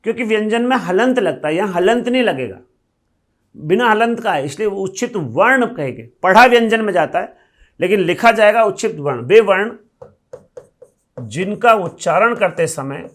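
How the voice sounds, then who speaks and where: A man's voice: sits high, animated, moderate pace, fairly bright tone. A male Hindi grammar teacher giving a classroom lecture, explaining step by step, asking questions and answering them himself, and repeating key terms.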